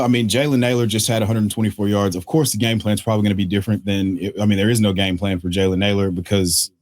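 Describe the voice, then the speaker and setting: A man hosting a casual fantasy football waiver breakdown, excitable and joking, correcting himself on the fly. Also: on the low side. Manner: excitable, joking asides, quick self-corrections. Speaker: fantasy football analyst host. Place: at a desk indoors.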